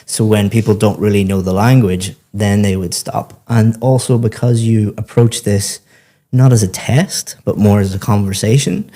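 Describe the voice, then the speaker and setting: A man's voice: lowish voice, dark tone. A man coaching a student on an English speaking test, explaining the results patiently and encouragingly. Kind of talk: spoken feedback to a student.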